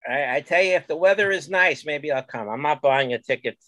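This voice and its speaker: A man's voice: a little high, a little fast, no echo. A man hosting a casual sports talk show, leading the chat with questions. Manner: lively, leads the talk with questions. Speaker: host.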